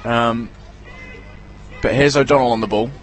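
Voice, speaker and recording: A man's voice: mid-range voice, steady tone, measured pace, a faint crowd. Guy calling a football match live outdoors, chatty, keeps tripping over names. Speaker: football commentator.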